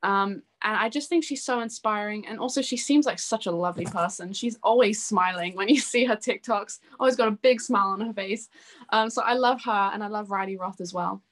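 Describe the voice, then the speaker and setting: A singer-songwriter in her twenties chats casually in an interview, gushing and poking fun at herself with a giggly manner. Her medium-pitched voice is a bit bright, and she speaks briskly.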